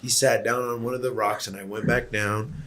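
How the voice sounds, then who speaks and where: A man telling a story in casual chat, emphatic and animated, acting out what was said. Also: medium pitch, fairly quick, loud music behind the voice. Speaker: hiker recounting a climb.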